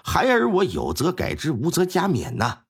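A male storyteller voicing a dutiful young official who answers his mother humbly, in a low, slightly husky voice. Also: huge pitch swings, moderate pace, exaggerated voice. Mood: humble. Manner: deferential, low and earnest.

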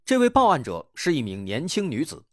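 A man hosting a true-crime podcast, telling a case in a dramatic, lively way. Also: on the high side, a little fast, no echo, studio quality. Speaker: host.

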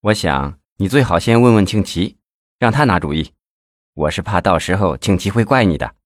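A calm, superstitious aunt, read by a male storyteller. She speaks evenly and shrugs off losses, in a low, dry, close storybook voice. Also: normal speed, dry recording. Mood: calm, shrugging.

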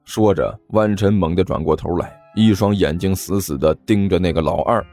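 A man narrating a comic novel as an audiobook in a lively storytelling manner. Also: deep voice, normal speed. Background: faint music.

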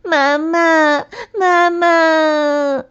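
A woman's voice: lively intonation, unhurried. Woman voicing a cocky little girl bunny. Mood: crying. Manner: bouncy, high childish bragging. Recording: slightly dull lo-fi recording.

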